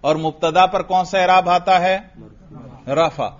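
A man teaching Arabic grammar in a slow, patient way, quizzing students with repeated questions and drills. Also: sits high, fairly even intonation, muffled recording. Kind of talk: classroom grammar lesson with drills.

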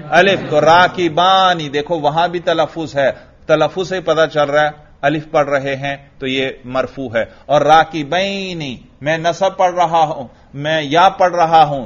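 A man teaching a grammar lesson, drilling his class with questions and answering them himself. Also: fairly high pitch. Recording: dull lo-fi recording.

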